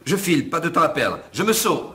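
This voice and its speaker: An actor playing a nervous, stammering viscount in a theatrical radio play. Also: male voice, a little high, very animated, a little fast, sharp tone. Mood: flustered. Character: flustered bumbling aristocratic viscount.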